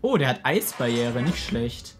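A man's voice: medium pitch, big pitch swings, unhurried. A young man gives a casual let's play commentary to a friend. He is blunt and slangy, with faint game music behind him. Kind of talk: casual gameplay chat with a friend.

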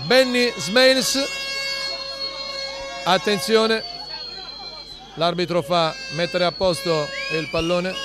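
A man giving live football commentary, dramatic and building to excited goal calls. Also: high voice, slow, pauses often. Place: outdoor football ground. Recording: outdoor stadium with crowd and music behind. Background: crowd and music.

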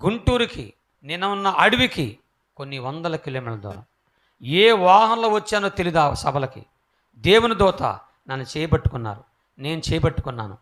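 A man giving his life testimony as a preacher, swinging from hushed, quiet passages to loud, emphatic calls to the crowd. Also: fairly high pitch, very animated, normal speed, long pauses. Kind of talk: testimony sermon.

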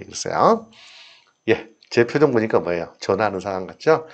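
Animated Korean man teaching English. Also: mid-range voice. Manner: chatty, laughs often, acts out dialogue lines. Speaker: English exam tutor. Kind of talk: recorded exam lesson.

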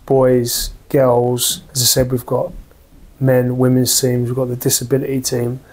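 A man's voice: medium pitch, monotone, a little slow, darkish tone. A man in his thirties, a football manager giving a post-match interview, talking earnestly with many restarts and fillers in a small office.

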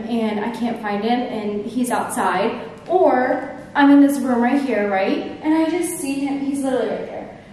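A lifestyle vlogger in her early twenties chats casually to a camera held at arm's length or set on a tripod, her voice on the high side and a little mellow. Her talk is informal and full of fillers, recorded in a large, mostly empty room in a house that sounds echoey with faint noise.

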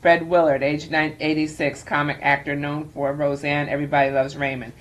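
Low-voiced older woman chairing a board. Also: level tone. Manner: measured and formal, with frequent ums. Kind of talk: formal meeting opening read from notes. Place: government boardroom, indoors.

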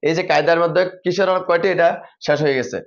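A man's voice: a little high, fairly even intonation, rapid-fire. A man teaching teachers how to drill children in reading, methodical and repeating set spelling patterns. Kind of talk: instructional explanation for teachers. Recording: dull lo-fi recording.

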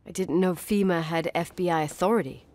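A woman's voice: fairly low pitch, fairly even intonation, fairly quick, darkish tone, close to an everyday voice. An actress playing a blunt, defensive young woman who swears and answers curtly, in video game dialogue. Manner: curt and swearing.

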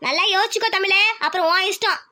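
A woman voicing a scheming, sharp-tongued village aunt in a homemade cartoon, speaking coldly and cuttingly. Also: very high-pitched, fast. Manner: cold, cutting, threatening. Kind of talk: cartoon voice acting.

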